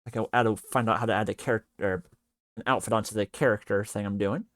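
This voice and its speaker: A male streamer chatting casually on a livestream while working on 3D art, speaking haltingly with many fillers and half-finished sentences. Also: on the low side, fairly even intonation, a bit bright, no room sound, studio quality.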